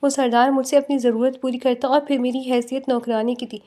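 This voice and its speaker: A woman's voice: sits high, flat delivery, mellow, close to an everyday voice. A woman voicing a desperate middle-aged mother who tearfully tells her story in an audio novel. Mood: mournful. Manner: tearful, pleading.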